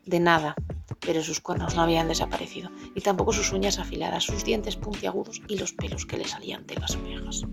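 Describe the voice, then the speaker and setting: A woman with a slightly low voice reads a children's storybook aloud, animating each character. Her reading is lively and expressive. Music plays behind her. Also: gravelly. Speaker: podcast co-host. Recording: music playing faintly behind.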